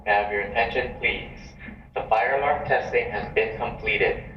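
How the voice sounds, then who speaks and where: A man giving a formal, measured safety announcement over a building loudspeaker. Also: on the low side, fairly even intonation. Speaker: building public address announcer. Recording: echoey muffled loudspeaker heard from far off, faint hiss.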